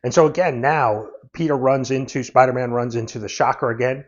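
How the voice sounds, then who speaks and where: A man's voice: medium pitch, fairly even intonation, fairly quick. A man giving a casual comic book review, recapping the plot in a loose, meandering way. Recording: dull lo-fi audio.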